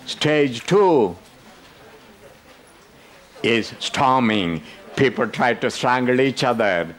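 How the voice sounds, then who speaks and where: Leading an interactive conference workshop, this older male presenter jokes with and teases his audience. He speaks slowly in an animated, medium-pitched voice.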